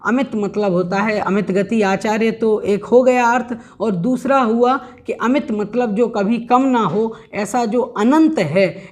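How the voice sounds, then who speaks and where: A man teaching an online religious lesson, explaining each word patiently and chanting Sanskrit verses slowly and carefully. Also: high voice. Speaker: teacher of a scripture study course.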